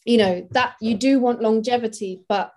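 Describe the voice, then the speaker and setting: A woman's voice: on the high side, normal speed, dark tone. A woman, a makeup artist, talking casually and practically in an interview, with many fillers.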